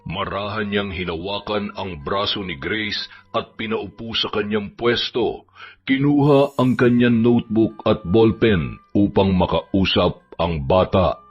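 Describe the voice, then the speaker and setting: A man with a husky, fairly low voice reads a horror story in a steady, measured way. The recording is dull and lo-fi. Soft music plays underneath. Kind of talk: scripted horror story narration.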